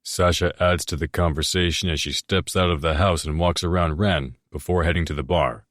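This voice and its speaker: A man narrating a romance audiobook in the first person, in a steady, measured reading. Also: deep voice, dry recording, studio quality.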